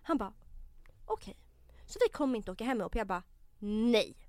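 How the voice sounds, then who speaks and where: A woman's voice: on the high side, expressive, a little mellow, dry recording. A woman co-hosting a casual podcast chat, telling a story with animation, acting out the dialogue and swearing often. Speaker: podcast co-host.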